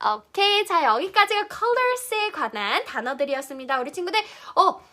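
A woman teaching English pronunciation to children, cheerful, drilling each word in slow drawn-out repeats. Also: very high voice, big pitch swings, pushed and bright.

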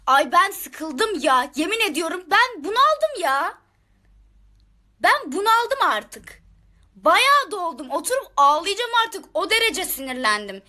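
A woman's voice: very high voice, big pitch swings, measured pace, pushed and bright. A woman ranting angrily to her viewers in a live stream, exasperated and shaking with anger, firing the same questions again and again. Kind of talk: angry live-stream rant.

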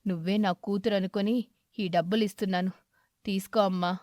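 A gentle old male eagle beggar from a cartoon story, with a deep, low voice, as a woman narrator puts him on. He speaks slowly and softly and pleads for food. The recording is dry and close. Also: fairly even intonation, no echo, lightly acted. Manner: slow, soft-spoken and pleading.

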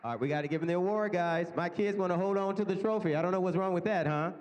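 A man's voice: high-pitched, fast, a little mellow, highs cut off. A man with a Mississippi accent hosting a live awards event, exhorting people and repeating his phrases. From Mississippi, United States. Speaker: host presenting awards. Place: large banquet hall with stage, indoors. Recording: echoey hall over PA system.

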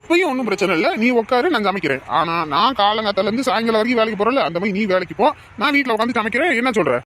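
A man's voice: sits high, lively intonation, very fast, a bit bright, slight background noise. A man playing a stern, bossy village father. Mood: teasing. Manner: scolding, blunt and commanding. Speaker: actor in a village family drama. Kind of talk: short-film drama acting.

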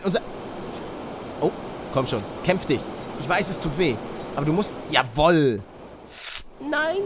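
A young man doing excitable Let's Play commentary, yelping at failures and mixing in English slang. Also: high-pitched, background noise. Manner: excitable, shouts and yelps at failures; mixes English slang into his talk. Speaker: gaming YouTuber.

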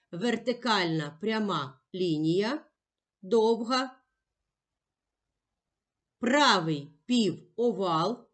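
A woman teaching young children in a patient, emphatic way, sounding out each letter slowly. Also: medium pitch. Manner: patient, sing-song and emphatic, spelling out sounds one by one. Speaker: primary school teacher. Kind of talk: slow, clear classroom instruction for young children.

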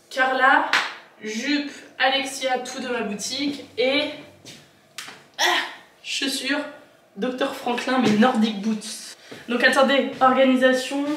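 A woman's voice: high-pitched, fairly bright tone, a little hiss or hum. A young woman chatting casually to camera as a lifestyle vlogger, rambling and thinking aloud to her viewers. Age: young adult. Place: home living room, car and furniture store.

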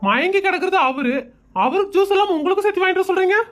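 A fed-up cartoon doctor, voiced by a woman, pitched very high and sounding sarcastic and short-tempered with a pushy visitor. The tone stays in a light comedy cartoon register. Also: rapid-fire, music in the background. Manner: sarcastic, irritated.

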